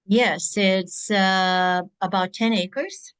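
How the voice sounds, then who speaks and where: A woman born in Greece, speaking as a guest over a video call, reflective and halting, often restarting her sentences. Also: mid-range voice, a bit bright, smooth. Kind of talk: casual interview chat.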